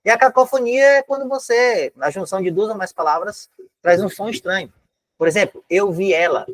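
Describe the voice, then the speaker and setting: A man's voice: high voice, brisk. A Brazilian man teaching an exam-prep lesson from home, chatty, with many filler tags and step-by-step explanations. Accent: Brazilian Portuguese. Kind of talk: casual online lesson. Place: home room.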